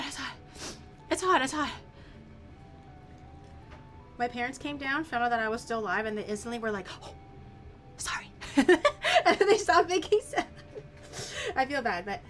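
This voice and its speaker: Her voice is a little high with a fairly bright tone. She's a streamer whose first language is Mandarin, giggling and chatting playfully while cooking on a casual livestream with background music.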